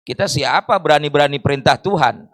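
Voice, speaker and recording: A man's voice: fairly high pitch, fast, a bit bright, no echo. A man preaching a sermon in a mosque, explaining with rhetorical questions and Arabic phrases.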